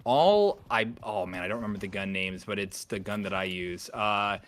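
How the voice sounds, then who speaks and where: A man calling a video game match as co-caster, joking between quick play-by-play calls. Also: fairly low pitch, expressive, fairly bright tone. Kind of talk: play-by-play esports commentary.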